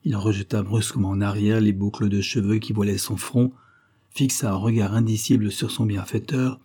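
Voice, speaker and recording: A man reading a historical novella aloud in measured, even storytelling. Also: lowish voice, slightly rough. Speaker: audiobook reader. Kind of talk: scripted narration of a historical novella.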